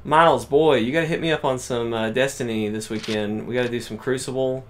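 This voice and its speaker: A man chatting casually while playing a video game, rambling and excitable, with frequent restarts. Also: mid-range voice, a little fast, a little hiss or hum. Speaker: let's play co-host. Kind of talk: casual gameplay chat.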